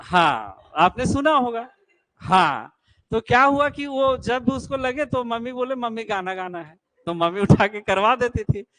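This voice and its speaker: Male coaching teacher, fairly high voice, keeps checking the class follows, folksy storytelling. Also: very animated, a little slow, fairly bright tone, no echo, low-quality recording. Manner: keeps checking students understand, tells folksy anecdotes. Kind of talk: classroom lecture.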